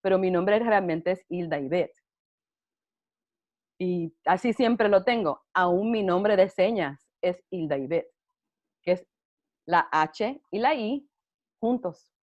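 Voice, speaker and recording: A woman's voice: lowish voice, lively intonation, takes it slowly, pauses often, a little mellow. Chatty Puerto Rican woman, lo-fi audio. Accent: Puerto Rican Spanish. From Puerto Rico. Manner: chatty, laughs often, restarts words. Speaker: interviewee. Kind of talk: casual personal storytelling. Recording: dull lo-fi audio.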